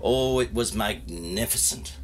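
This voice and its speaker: A man's voice: lowish voice, a little slow, slight background noise. Irish man telling a folk tale. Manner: lively, dramatic, rising for suspense. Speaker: storyteller. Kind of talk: spoken folk tale for listeners.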